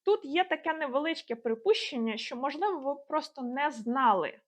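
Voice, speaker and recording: A woman explaining English grammar as a teacher, in clear, measured speech and slowing down to spell out example phrases. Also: sits high, lively intonation.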